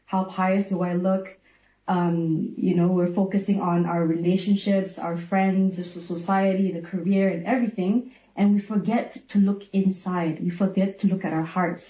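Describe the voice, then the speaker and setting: A woman's voice: medium pitch, steady tone, normal speed, reverberant, lo-fi sound. A woman from Malaysia hosting a religious interview, asking questions and offering frequent religious blessings. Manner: warm affirmations, religious blessings. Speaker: interviewer, app founder.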